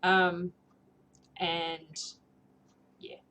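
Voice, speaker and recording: Reading novels aloud on a livestream, this woman chats casually and gigglily with viewers in an accent blending South African, British and New Zealand tones. Her voice sits lowish and sounds sharp, with a completely flat, very slow delivery. The room ambience is clearly noisy.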